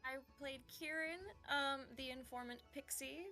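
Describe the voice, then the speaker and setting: A woman who played in the game, chatting in a shy, halting way. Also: high voice, fairly even intonation, bright, forceful tone, soft background music. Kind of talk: casual chat after a game.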